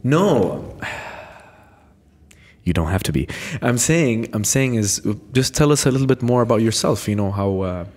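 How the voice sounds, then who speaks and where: A man's voice: on the low side, animated, normal speed, darkish tone. A male podcast host chatting casually, teasing his guest and often stopping to restart his sentences. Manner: teasing, hesitant with many restarts. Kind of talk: casual interview chat. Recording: echoey room with long reverb.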